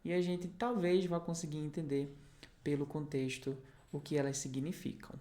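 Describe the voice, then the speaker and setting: Low-voiced Brazilian woman teaching English. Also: fairly even intonation, normal speed, mellow. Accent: Brazilian Portuguese. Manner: patient, explanatory, checks in often with the learner. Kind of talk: online language lesson.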